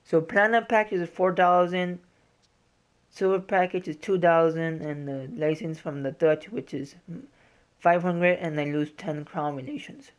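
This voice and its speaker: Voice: medium pitch, fairly even intonation, a little slow, clear, resonant tone. A gaming host giving informal, explanatory walkthrough commentary in a casual style.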